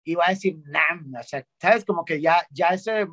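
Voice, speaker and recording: A young man from Monterrey, telling stories as a guest in a casual, slangy, animated way with lots of restarts. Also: high voice, normal speed, dry recording, muffled recording. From Monterrey, Mexico. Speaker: guest singer-songwriter. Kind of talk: casual interview chat.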